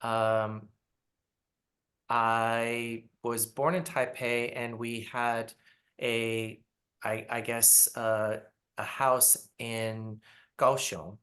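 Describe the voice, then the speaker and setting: A middle-aged man from Taiwan, answering interview questions on a video call in a reflective way with many pauses. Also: medium pitch, little pitch movement, a bit bright. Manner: unhurried, reflective, with frequent pauses and fillers. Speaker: interview guest, ballet artistic director. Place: small apartment.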